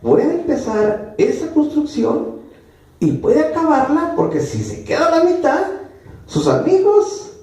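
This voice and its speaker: A man's voice: extremely high pitch, huge pitch swings, unhurried, darkish tone. A man preaching a sermon as pastor, emphatic and driving his points home by repeating phrases. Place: church. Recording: echoey church room, mic far off.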